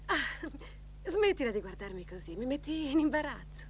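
An actress playing a gentle, affectionate, hesitant wife in her thirties in a dubbed film drama. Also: high-pitched, big pitch swings, normal speed, slight background noise. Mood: tender.

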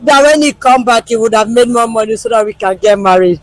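A woman's voice: on the high side, fairly quick, no echo, close to an everyday voice, low-quality recording. An actress playing a jilted woman who paid for her lover to go abroad, pleading and wailing, in an outdoor skit drama. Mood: grieving. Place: outdoor compound.

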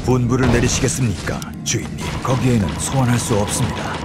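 A devoted cult servant from a video game, played by a man, speaking at a middling pitch in an obedient, reverent manner. Loud music runs behind the voice. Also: fast, natural voice. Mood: servile, reverent. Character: servile, devoted cultist of an undead master. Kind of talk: video game unit voice lines.

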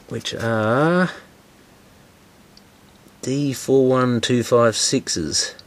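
A man casually talks through a computer teardown at his workbench, thinking aloud as he goes. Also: medium pitch. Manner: thinking aloud, hedging guesses. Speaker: electronics repair host. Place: workshop bench, indoors.

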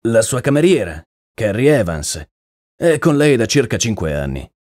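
A man's voice: medium pitch, big pitch swings, normal speed, darkish tone, no room sound, studio quality, close to an everyday voice. A man voicing an earnest, uneasy male horse trainer in an audiobook, talking plainly and deferentially. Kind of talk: audiobook character reading.

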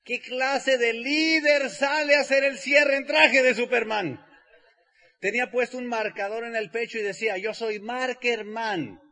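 A Mexican man with a notably high voice, telling a personal story to a crowd. He is animated and playful and acts out the people in the story with comic emphasis. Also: moderate pace. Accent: Mexican Spanish. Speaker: speaker. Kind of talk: storytelling talk to an audience.

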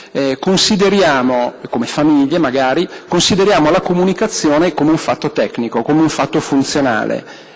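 A man in his thirties gives a thoughtful conference address into a desk microphone, pausing often and restarting his phrases. His voice sits at an ordinary pitch and carries a long reverb from the large hall. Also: husky. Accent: Italian. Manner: thoughtful, hesitant with many fillers and restarts. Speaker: diocesan communications director.

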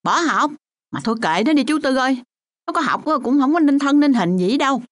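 An actress playing a harsh, dismissive mother in a radio drama, answering with sharp, sarcastic retorts. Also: high voice, expressive, a little fast.

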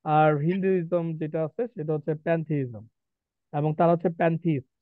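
This male vocabulary tutor has a light, high voice and quizzes his students, posing questions and reading definitions at a slow pace. His live class blends Bengali with English. The audio is tinny and phone-like but free of echo.

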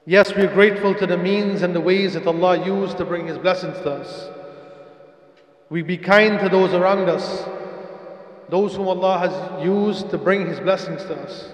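A man in his thirties giving a Friday sermon at a stand mic in a mosque, in a measured, repetitive devotional cadence. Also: high voice. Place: mosque prayer hall, indoors. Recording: echoey hall reverb.

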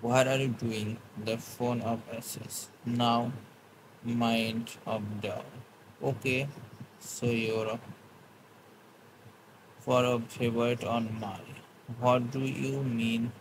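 Chatting casually with viewers on a live stream, a man talks slowly at an ordinary pitch in a level tone. His English is halting and broken, with many restarts as he replies to comments, and clear background noise fills his room.

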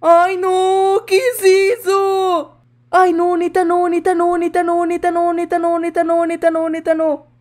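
Young woman streamer, very high voice, scared and chatty horror gameplay commentary. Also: little pitch movement, measured pace, darkish tone. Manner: jittery, scared exclamations and chatty asides. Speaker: gaming streamer.

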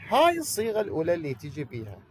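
A man's voice: fairly high pitch, wildly swooping pitch, very fast, slight background noise, rough recording. A man with an Iraqi Arabic accent teaching an online English class, asking questions and then answering them himself.

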